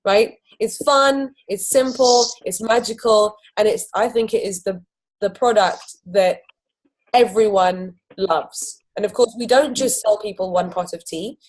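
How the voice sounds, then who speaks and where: A woman's voice: fairly high pitch, a little mellow, a little hiss or hum, rough recording. A woman hosting a sales training video, talking enthusiastically and persuasively and acting out little exchanges with customers. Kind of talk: training talk.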